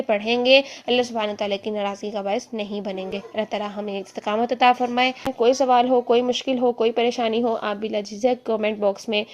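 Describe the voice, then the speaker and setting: A woman's voice: fairly high pitch, highs cut off. Earnest woman teaching Quran recitation. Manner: earnest, explains step by step, repeats examples slowly. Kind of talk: online religious lesson.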